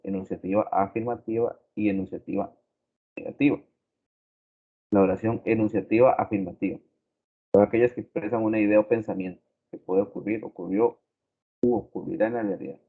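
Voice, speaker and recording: Guy teaching a grammar class, slow and deliberate, kinda low voice, sounds like a phone recording. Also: steady tone, narrow, tinny audio. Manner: slow, deliberate, repeats examples. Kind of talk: grammar lesson.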